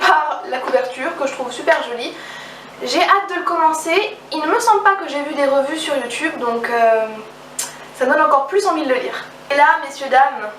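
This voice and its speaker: A woman's voice: sits high, fairly bright tone. A young woman chatting enthusiastically about the books she bought, often trailing off and restarting her sentences. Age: young adult. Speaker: book vlogger. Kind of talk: casual book haul vlog. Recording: roomy, slightly distant mic, faint background noise.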